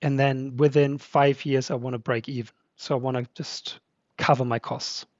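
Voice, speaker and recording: A man who translates and publishes appears as a podcast guest, chatting casually with lots of fillers in English, which isn't his first language. His voice is medium-pitched and level at a normal speed, and the recording is dry and lo-fi.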